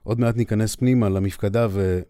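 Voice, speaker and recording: A man's voice: fairly low pitch, steady tone, warm tone, clear, resonant tone, no echo, clean studio sound, close to an everyday voice. A man voicing a cocky male air force officer who teases an old friend. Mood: teasing. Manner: teasing, self-assured.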